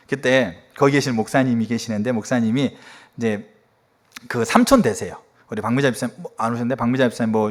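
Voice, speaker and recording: A middle-aged male pastor preaching a sermon in a church, telling stories and acting out quoted dialogue with sudden jumps in his voice. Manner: animated storytelling, acting out quoted dialogue with sharp pitch jumps. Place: church sanctuary.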